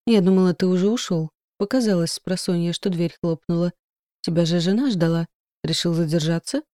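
Shrill young woman, scared but talking back, woman reading her, dry close sound. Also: brisk, mellow, dry recording, lightly acted. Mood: playful. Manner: shrill, challenging.

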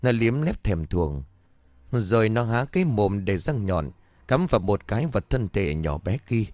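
A man narrating a horror story in a steady, measured storyteller's way. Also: lowish voice, dry recording, clean studio sound.

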